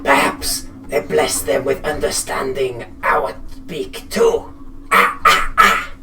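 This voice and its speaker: A man voicing a sly, wary reptile creature in halting, broken English during a tabletop role-play game. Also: medium pitch, lively intonation, pushed and bright, exaggerated voice. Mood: uneasy. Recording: roomy echo, music underneath.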